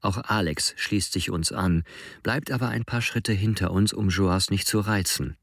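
A man narrating a first-person story in a measured audiobook reading. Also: sits low, dry recording, clean studio sound.

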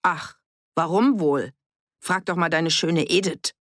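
A reader voicing a worried, sharp-tongued village woman in an audiobook, pleading and raising the voice. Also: mid-range voice, slow, no room sound, studio quality. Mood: defiant. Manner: agitated, pleading, raised voice. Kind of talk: audiobook character voice.

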